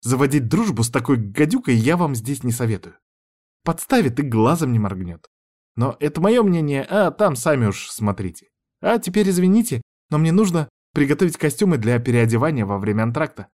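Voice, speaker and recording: A man's voice: mid-range voice, big pitch swings, a little fast, darkish tone, voice pushed up. Man doing a snide, gossiping theatre girl. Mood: gossipy. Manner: chatty, snide. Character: gossiping young backstage girl, chatty.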